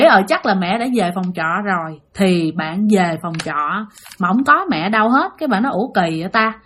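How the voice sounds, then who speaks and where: A woman with a Southern Vietnamese accent telling a ghost story, talking straight to her listeners in an animated way. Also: mid-range voice. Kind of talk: spoken ghost story narration.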